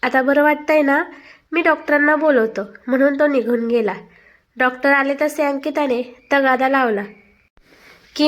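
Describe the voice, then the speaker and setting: A woman with a high voice reads out a family story. She speaks every character's lines herself in one steady storytelling voice. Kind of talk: scripted story narration.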